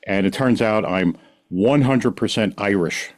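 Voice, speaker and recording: A Bronx-born New Yorker in his sixties, guesting on a podcast, tells his story in rambling, self-interrupting casual conversation. His voice is fairly low and a little slow.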